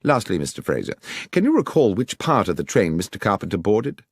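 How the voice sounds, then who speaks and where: Man voicing keen, commanding detective, lively pitch. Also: slightly rough, dry recording, clean studio sound, exaggerated voice. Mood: brisk questioning. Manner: brisk, precise, questioning. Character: Sherlock Holmes, keen, commanding gentleman detective. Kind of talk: audiobook character voice.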